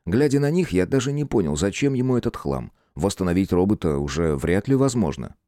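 A man narrating an audiobook in an even storytelling manner. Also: low voice, a little fast, no room sound, studio quality. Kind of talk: scripted narration.

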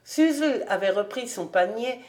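A woman reading a classic novel aloud as a volunteer audiobook narrator, in a calm, even storytelling manner. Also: on the high side, a little slow. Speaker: audiobook reader.

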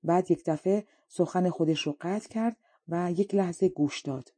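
Woman reading a fairy tale audiobook, relaxed mellow voice, dead dry sound. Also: fairly low pitch, no room sound. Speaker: audiobook reader. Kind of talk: scripted narration of a folk tale.

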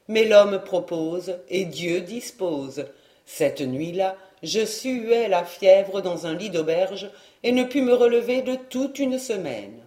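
A man's voice: sits high, darkish tone. Man reading an audiobook. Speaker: audiobook reader. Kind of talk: audiobook narration. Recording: roomy echo.

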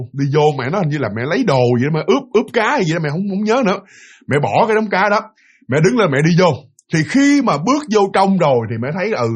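Man, rapid lively storytelling, slightly raspy voice. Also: on the high side. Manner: lively, vivid, speaks directly to listeners. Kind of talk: casual spoken ghost story.

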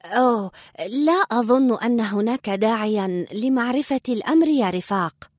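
Here is a shy, kind young troll boy from a storybook, his speech hesitant and bashful. A woman acts him out in a high, lively voice that rises and falls a lot. The sound is dry and close. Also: normal speed, no room sound.

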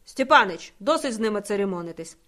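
A woman's voice: medium pitch, expressive, fast talker, fairly bright tone, natural voice. A woman doing a brutal young soldier. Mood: threatening. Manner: threatening.

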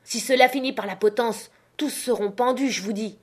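Woman playing a gruff old captain, loud barking outbursts, raised pitch, storybook reading. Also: moderate pace, natural voice. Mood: shouting. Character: gruff old sea captain, violent and frightened.

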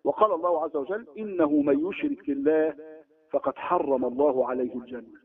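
A man with an Egyptian accent preaching a lesson, talking emphatically, acting out the stories he tells and slowing down for quotations. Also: fairly high pitch. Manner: animated, emphatic storytelling that slows for quotations. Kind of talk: sermon lesson in colloquial Egyptian Arabic. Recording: tinny phone-like lo-fi recording.

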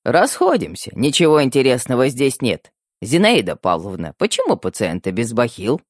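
A reader voicing a calm, mocking male professor with a lower voice in an audiobook. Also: normal speed, no room sound, clean studio sound.

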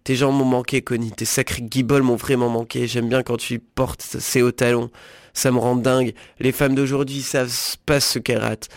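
A man voicing a rough, violent, jealous male dishwasher who drinks, read in a flat, low-key way close to his own voice. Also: moderate pace, no echo, lightly acted. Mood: leering.

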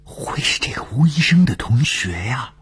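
A man doing a hushed, whispering night-shift colleague. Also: medium pitch, sing-song, moderate pace, breathy edge, pitched above the performer's own voice, exaggerated voice. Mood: hushed astonishment.

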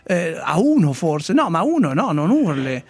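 A male radio host chatting and telling a listener's story with animated, laughing delivery. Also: on the high side, a little slow, husky, dry recording. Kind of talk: lively radio chat. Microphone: studio mic.

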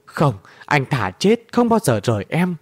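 A man's voice: a little high, big pitch swings, unhurried. A man reading a story aloud, voicing a loyal young husband who speaks with grave resolve.

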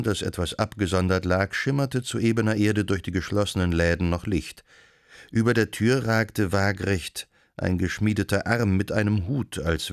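A man reading a novel aloud as an audiobook, in measured, even storytelling narration. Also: low-pitched, creaky, no room sound, clean studio sound. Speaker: audiobook reader. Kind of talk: scripted narration.

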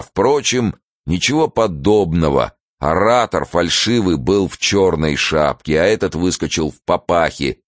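Man, audiobook narrator, expressive storytelling, lively pitch, dry close recording. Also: no echo. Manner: expressive storytelling with acted voices.

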